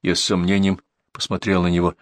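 A man's voice: low voice, completely flat delivery, a little fast, dry recording. A man narrating a first-person audiobook in a tense, dramatic way, recorded in a dry booth.

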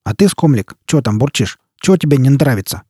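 A man's voice: mid-range voice, sing-song, a little fast, warm tone, breathy edge, dry recording, clean studio sound, voice pushed up. A man voicing a boisterous, coarse male bandit leader who mocks and bullies. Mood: swaggering.

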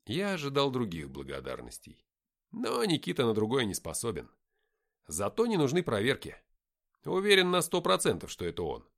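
Lively male audiobook narrator. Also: mid-range voice, normal speed, gravelly. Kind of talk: first-person audiobook narration.

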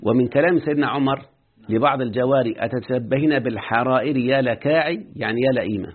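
A man's voice: mid-range voice, quick pace, slightly rough. A man with an Egyptian accent teaching an Arabic grammar lesson and often quizzing his students. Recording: muffled phone-like lo-fi audio.

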